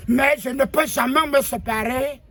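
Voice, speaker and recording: A man's voice: very high voice, moderate pace, a bit bright, full character voice. A man playing a pompous old self-styled spokesman of the ancestors, rambling and stammering as he sermonizes. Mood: pleading. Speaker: comic figure lecturing on national football. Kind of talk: comedy sketch monologue.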